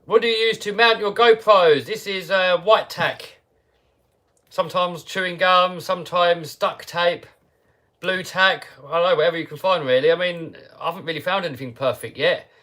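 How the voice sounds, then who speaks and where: Chatty man, higher voice. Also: moderate pace, a bit bright. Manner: chatty and easygoing, laughs often, reads chat questions aloud. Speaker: livestream host answering viewer questions. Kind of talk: casual live chat.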